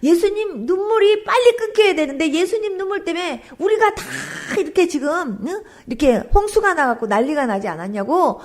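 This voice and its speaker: Frantic villagers scold and urge someone to hurry, as a woman pastor puts them on in a testimony. The voice is high and pushed, urgent and accusing. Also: lively intonation, fairly quick, hardly any pauses.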